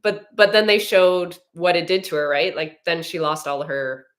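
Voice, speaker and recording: A woman chatting casually about a book, animated and agreeing often. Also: fairly low pitch, normal speed. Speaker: book club member. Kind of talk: casual chat.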